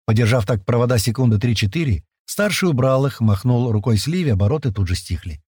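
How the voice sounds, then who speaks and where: A man's voice: medium pitch, lively intonation, fairly quick, darkish tone, husky, dry recording, studio quality. A man reading a first-person adventure story in a colloquial, storytelling way. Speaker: narrator. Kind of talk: first-person audiobook narration.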